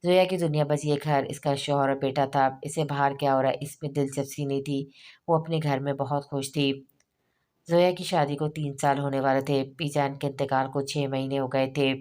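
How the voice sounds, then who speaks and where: Brief: woman, audiobook narrator, very deep voice, monotone, reads every character herself. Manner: reads all characters in her own voice with small slips and restarts. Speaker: novel reader. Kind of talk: audiobook narration of a romance novel.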